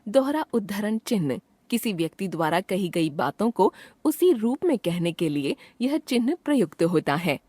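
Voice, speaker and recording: A woman reading a grammar chapter aloud as a lesson, in a clear, measured way, giving her example sentences some expression. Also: mid-range voice, sing-song, dark tone, no echo. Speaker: teacher reading a textbook chapter. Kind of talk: scripted narration of a grammar lesson.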